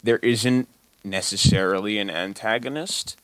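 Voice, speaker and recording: Deep-voiced, easygoing young man. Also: a little slow, smooth, dry recording, low-quality recording. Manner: laid-back, jokey, trails off softly. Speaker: podcast co-host. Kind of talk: casual chat.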